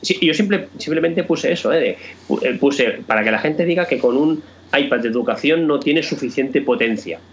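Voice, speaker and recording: A man's voice: medium pitch, normal speed. Hesitant man, lo-fi audio. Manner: hesitant, repeats words and restarts often. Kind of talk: casual tech chat.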